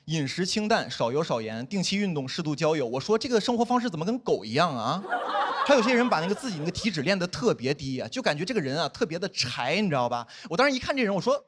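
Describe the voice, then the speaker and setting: A man's voice: fairly high pitch, fast talker, slight background noise. A young man performing a self-mocking stand-up comedy set on stage before a live audience. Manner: animated, self-mocking punchlines.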